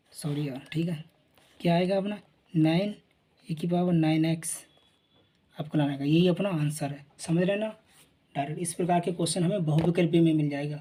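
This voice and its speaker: A male teacher walks through a math lesson in a husky, slightly breathy voice. His tone is mellow and dark, and he keeps checking in with listeners as he works. He asks himself questions and answers them in a patient, repetitive rhythm. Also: a little high. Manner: repeats "theek hai na", asks and answers his own questions. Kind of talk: explaining at a board.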